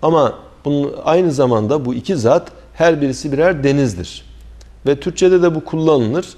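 A middle-aged man giving a religious lecture, explaining verses in a measured way with frequent hesitant pauses. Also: fairly high pitch, darkish tone. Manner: recites Arabic verses then translates. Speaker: Quran commentary teacher.

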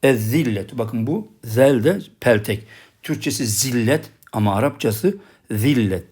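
A man with a Turkish accent teaching Arabic writing, saying each example word slowly twice and then explaining it quickly. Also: mid-range voice, expressive, darkish tone, husky. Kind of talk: recorded lesson.

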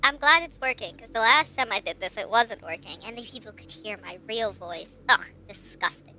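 The voice is disguised by a voice changer, coming out medium in pitch, bright and forceful at a moderate pace. The streamer gives casual live gameplay commentary, chatting, reasoning aloud and turning to chat for input.

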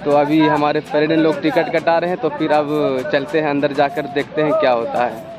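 A young man from Bihar, India, with a Bihari Hindi accent, excitedly shows viewers around an outdoor hotel pool and garden in a casual travel vlog, constantly pointing things out. His voice is on the high side and a little fast. He films on a phone held at arm's length with a clip-on mic, and a loud crowd and music fill the background.

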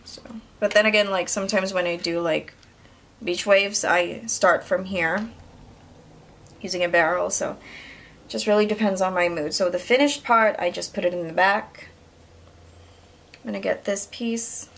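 Chatty young woman with a creaky voice. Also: mid-range voice, fairly even intonation, unhurried, pauses often, a bit bright. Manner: chatty, addresses viewers as you guys. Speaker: beauty vlogger. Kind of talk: casual hair tutorial.

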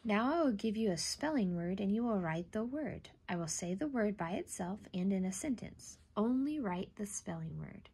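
Female teacher for scripted spelling dictation, careful enunciation, husky and creaky voice. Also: mid-range voice, lively intonation, darkish tone. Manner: deliberate enunciation, isolating each word and repeating it. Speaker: teacher giving a spelling test.

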